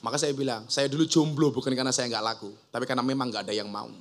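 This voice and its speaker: A man's voice: mid-range voice, fairly even intonation, very fast, a little hiss or hum. A man preaching a humorous public sermon, joking and punchy, firing off rhetorical questions to the crowd. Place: outdoor gathering at a boarding school.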